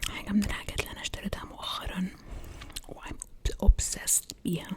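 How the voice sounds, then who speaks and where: A young Egyptian woman doing ASMR in an intimate, breathy whisper, mixing in English words and softly repeating words as triggers. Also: fairly low pitch.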